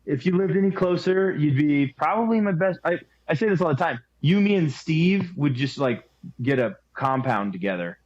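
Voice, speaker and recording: Guy on a podcast, kinda high voice, joking around with friends, muffled lo-fi sound. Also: animated, moderate pace, a little mellow. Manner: laid-back, jokey storytelling. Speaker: podcast co-host. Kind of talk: casual chat among friends.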